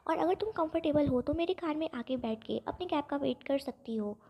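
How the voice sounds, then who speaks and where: A woman's voice: high voice, animated, brisk, dull audio. A woman reading a pushy, short-tempered young man. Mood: insistent. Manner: pushy, scolding. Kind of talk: storybook dialogue reading.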